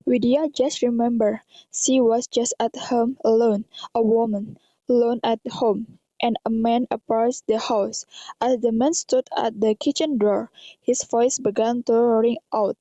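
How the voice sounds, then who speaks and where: This young woman, whose accent is Indonesian, reads an amateur radio drama at a measured pace and with fairly even intonation. Her fairly high, mellow voice comes across stilted, as if read aloud, on a dull, dry recording.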